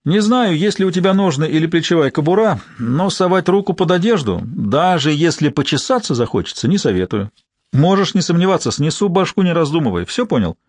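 A man's voice: sing-song, fast talker, few pauses, a little mellow, slightly rough, no echo. Man playing a cold outlaw with a metallic voice. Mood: menacing. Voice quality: low metallic voice. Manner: cold, threatening, curt. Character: hard-eyed outlaw rider, man, menacing.

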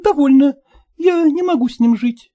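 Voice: moderate pace, dark tone, lightly acted. A reader voicing a proud, offended young wife who answers curtly and coldly, in a storybook reading. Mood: upset. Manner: cold, curt, then shrill.

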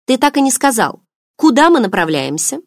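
A woman voicing a sharp-tongued, bossy young woman in an audiobook, with snappy, sarcastic lines. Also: fairly high pitch, big pitch swings, moderate pace, dry recording, studio quality, voice pushed up.

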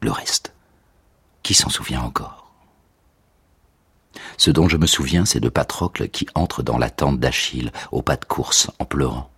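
An actor playing a grieving old male tutor who recalls the war in a slow, hushed, grave monologue for a radio drama. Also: rumbling low, husky, no echo, heavily acted. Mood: mournful. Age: older. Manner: slow, hushed, grave delivery with whispered phrases. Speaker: narrator of a radio reading.

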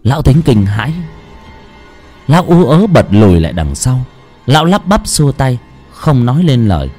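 A man narrating a horror story in a slow, dramatic, suspenseful way. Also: mid-range voice, sing-song, dark tone, soft background music.

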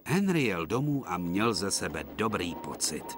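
A man giving measured, scripted storybook narration for a children's TV cartoon dub. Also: deep voice, sing-song, noisy background.

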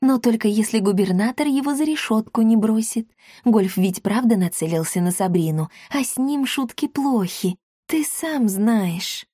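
A woman reading aloud, voicing a pushy, bustling female matchmaker with a brisk, persuasive manner. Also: a little high, mellow, husky, no room sound, studio quality, pitched above the performer's own voice. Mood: hushed.

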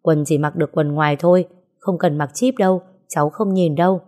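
A woman's voice: low voice, steady tone, a little fast, darkish tone, natural voice. A woman voicing a pleading devoted young woman. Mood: coaxing. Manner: pleading, coaxing.

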